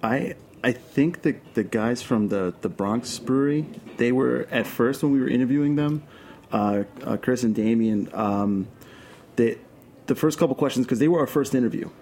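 A man from Queens with a Brooklyn New York accent, chatting casually as an interview guest and telling anecdotes in a halting way, repeating phrases. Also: medium pitch, darkish tone. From Queens, New York City. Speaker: interview guest, documentary filmmaker. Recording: clear background noise, room ambience.

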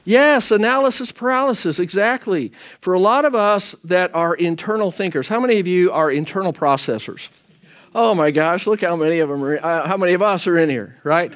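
Male pastor, high-pitched, loose conversational teacher of a Bible class. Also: a little fast. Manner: animated, chatty, often asks "right?".

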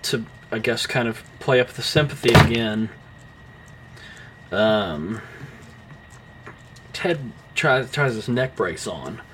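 A man's voice: lowish voice, slow pace, pauses often, very noisy. A young man co-hosting a podcast, talking through a film in a rambling, casual way with lots of fillers and restarts, swearing now and then. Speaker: podcast co-host.

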